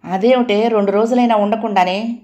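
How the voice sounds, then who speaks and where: A woman's voice: mid-range voice, normal speed, darkish tone, lightly acted. Fretful mother, chiding and anxious, read by a woman narrator; roomy sound. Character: anxious scolding mother, middle-aged. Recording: roomy echoey home recording.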